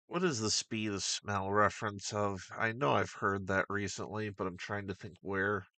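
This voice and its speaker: A young man hosting a casual gaming livestream, rambling and commenting on his own fast talking. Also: on the low side, fairly even intonation, pushed and bright, dry recording. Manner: rambling, self-aware about talking fast. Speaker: streamer host.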